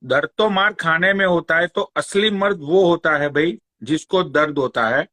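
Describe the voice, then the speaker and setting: A man's voice: on the high side, normal speed, sharp tone. A man hosting a live stream, ranting sarcastically and taunting a rival, swearing often. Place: Long Island, New York.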